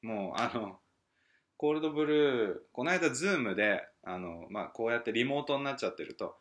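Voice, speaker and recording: A man hosting a casual solo podcast at home at night, rambling and musing aloud as he reads listener mail, with soft chuckles. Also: mid-range voice, animated, moderate pace. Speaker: podcast host.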